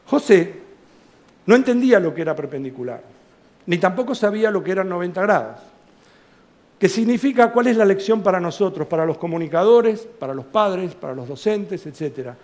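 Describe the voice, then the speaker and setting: High-voiced Argentine man telling an anecdote. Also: fairly quick. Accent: Argentine Spanish. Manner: animated anecdote with quoted dialogue and asides. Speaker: author presenting his book. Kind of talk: storytelling talk to a theater audience. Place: large theater stage.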